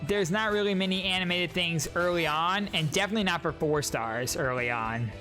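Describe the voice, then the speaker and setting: A streamer gives casual, joking reaction commentary while ranking game trailers, chatting directly with chat. The mid-range voice is brisk, with music playing underneath.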